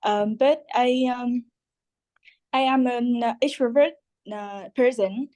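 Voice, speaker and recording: Girl student, slow and halting, lots of ums, slightly high voice. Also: a little mellow. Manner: hesitant, many ums and uhs, searching for words. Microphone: video call.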